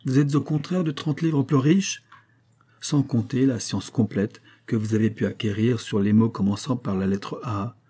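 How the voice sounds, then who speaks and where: A man reading an audiobook, putting on a brisk, amused male detective. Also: medium pitch, dark tone, breathy edge, lightly acted.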